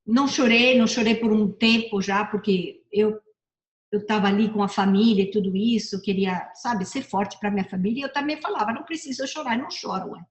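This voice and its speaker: A woman's voice: medium pitch, a little fast. Chatty woman speaker in an echoey room. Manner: chatty, repeats herself, self-correcting. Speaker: personal development speaker. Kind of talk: casual motivational talk.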